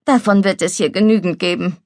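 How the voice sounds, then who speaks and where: A woman voicing a sensible older girl who reasons gently and with quiet amusement, in a storybook reading. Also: lowish voice, fairly even intonation, brisk, no room sound, natural voice. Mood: amused. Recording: dry studio recording.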